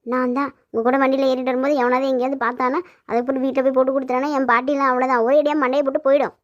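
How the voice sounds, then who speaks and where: A woman voicing a sharp-tongued, teasing young woman in a cartoon, firing back quick mocking retorts. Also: sits high, little pitch movement, dry recording, natural voice. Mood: sassy. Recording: dull lo-fi sound.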